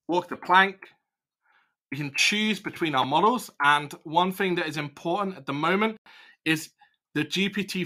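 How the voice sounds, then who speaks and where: A young man casually walking through a software demo, explaining each step as he clicks. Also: on the high side. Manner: casual, explanatory, thinks aloud while clicking. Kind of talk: screen-recorded product walkthrough.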